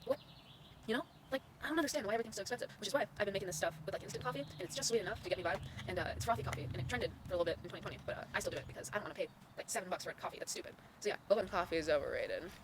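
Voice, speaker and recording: A woman's voice: medium pitch, lively intonation, racing, a little hiss or hum. A teenage girl co-hosting a casual chat, bantering and giggling. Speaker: co-host.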